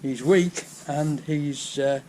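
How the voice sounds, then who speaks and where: A man's voice: fairly high pitch, steady tone, slow pace, warm tone, rough recording. Chatty Yorkshire man in his workshop. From England. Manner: chatty, explains each job step by step. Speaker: vlogger restoring a tractor. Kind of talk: casual workshop narration. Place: home workshop. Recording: faint background noise.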